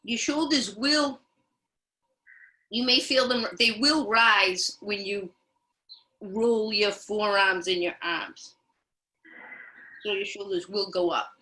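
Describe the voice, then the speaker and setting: A woman leads a guided meditation in the soothing manner of a yoga teacher. Her pace is slow, with gentle pauses between instructions. The voice has a bright, forward tone. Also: mid-range voice, rough recording. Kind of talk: guided mindful movement instruction.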